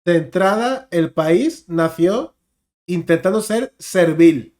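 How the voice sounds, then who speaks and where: Un hombre con acento de España que comenta y reflexiona con calma sobre un video de historia. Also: male voice, high-pitched, takes it slowly. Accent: Spanish from Spain. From Spain. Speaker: reaction video host. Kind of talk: casual commentary.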